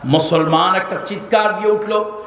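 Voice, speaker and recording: Man, preacher, impassioned sermon, sharp bright voice, big reverberant hall. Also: high-pitched, steady tone, normal speed. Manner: impassioned, shouting and chanting phrases. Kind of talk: Islamic sermon with storytelling. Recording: echoey hall.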